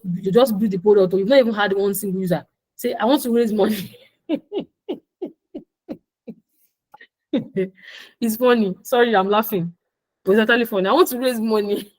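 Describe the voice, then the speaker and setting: A woman's voice: medium pitch, a little mellow, rough recording. Emphatic woman coaching founders. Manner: repetitive, emphatic, laughs at her own points. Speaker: speaker on business funding. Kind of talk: informal talk to entrepreneurs.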